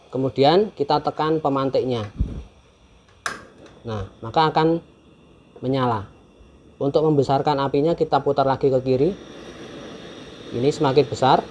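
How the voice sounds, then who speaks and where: Male host, mid-pitched, patient step-by-step how-to delivery, indoor camera-mic sound. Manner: calm, patient step-by-step explaining. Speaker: channel host demonstrating a camping stove. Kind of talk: casual how-to demonstration. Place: indoors at a table, hands-only camera.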